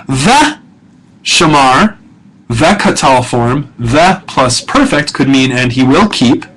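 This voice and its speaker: A middle-aged male professor walks students through a grammar lesson in a recorded narration, casual and self-correcting, full of fillers and check-ins. His mid-range voice is very animated, slow, a bit bright and breathy, and the audio is poor.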